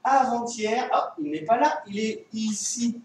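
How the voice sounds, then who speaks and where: A man with a French accent teaching young children from home, his voice high for a man and lifting in a sing-song line. He talks slowly and patiently, stretching his words. He sounds set back from the mic in a very echoey room. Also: distant mic, slight background noise. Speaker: kindergarten teacher. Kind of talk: remote classroom lesson for young children.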